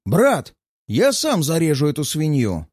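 A man voicing a dim, hot-headed young warrior who snarls and shouts threats in an audiobook. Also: sits high, very animated, moderate pace, no room sound, studio quality, pitched above the performer's own voice. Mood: bellowing.

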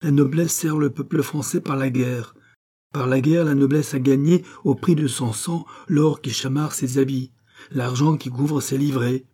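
A man's voice: mid-range voice, steady tone, measured pace, dark tone, pitched above the performer's own voice, close to an everyday voice. A man reading aloud, voicing an imperious queen of an old novel in a somewhat raised voice. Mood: proud. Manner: imperious, pleading then commanding. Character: proud imperious queen, a grown woman.

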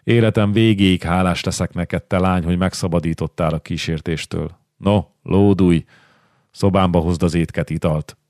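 A male narrator voicing a good-humored young soldier who teases gently, in an audiobook. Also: low-pitched, fairly even intonation, dry recording, studio quality. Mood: teasing. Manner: teasing, easy-going.

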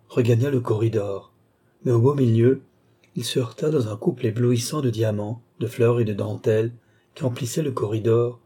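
A man reading a classic novel aloud in measured, expressive narration. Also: medium pitch, breathy edge. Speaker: audiobook narrator.

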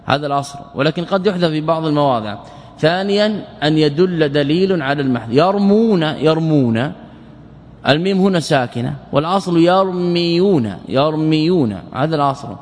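A man teaching Arabic morphology in a lecture, repeating words slowly and asking and answering his own questions. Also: a little high. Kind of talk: classroom lecture explaining grammar. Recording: long hall reverb.

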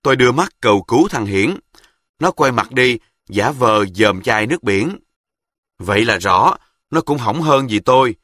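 A man with a Southern Vietnamese accent narrating a story in a plain, lively way. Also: mid-range voice, moderate pace, no room sound, clean studio sound.

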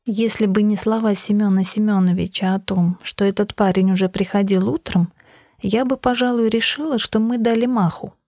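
A female audiobook narrator reads a scripted story in the first person, her mid voice steady and even at a moderate pace. The recording is dry and of studio quality.

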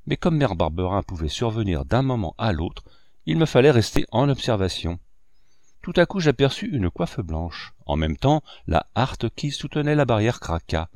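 A man reading a classic novel aloud with animated storytelling. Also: fairly low pitch, dry recording, studio quality. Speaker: audiobook reader.

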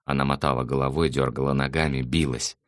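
Male narrator, audiobook, steady reading, very deep voice, dry close sound. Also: fairly quick, no echo.

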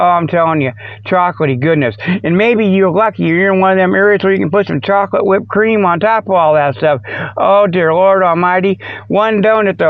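Heard through a dull, muffled lo-fi radio stream, this radio host has a high-pitched male voice and no echo around it. His monologue wanders, folksy and jokey, stuffed with homespun exclamations.

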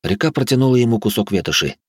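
Deep male narrator, measured fantasy audiobook reading, dry booth. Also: animated, slightly rough, no room sound.

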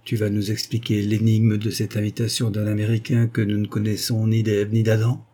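Smug teasing young guy in an audiobook, man voicing him, mellow husky tone. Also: lowish voice, completely flat delivery, moderate pace, lightly acted.

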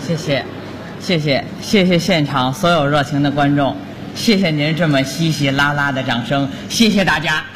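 A man's voice: a little high, moderate pace, background noise. A man with a Beijing accent performing stage crosstalk comedy, boastful and teasing, breaking into chanted rhymes. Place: large hall on stage. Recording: live stage in a reverberant hall.

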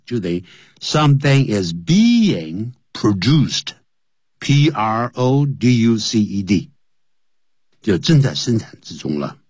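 A man's voice: mid-range voice, husky, no room sound, studio quality. A man teaching English on the radio, explaining phrases in Chinese and spelling words out letter by letter.

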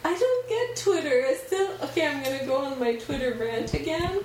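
A woman's voice: high-pitched, sing-song, moderate pace, a loud crowd. A woman chatting casually as a podcast guest, giggly and self-deprecating, laughing often. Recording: echoey room, distant mic, noisy background.

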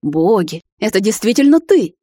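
A woman reading a novel aloud voices the heroine's caring father, earnest and gruff. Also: lowish voice, brisk, warm tone, no room sound, studio quality, lightly acted.

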